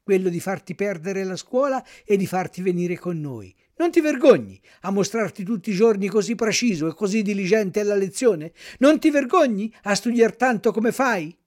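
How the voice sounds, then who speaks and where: A man voicing a gang of rough truant boys who bully and taunt in a loud voice. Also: high voice, animated, moderate pace, hardly any pauses.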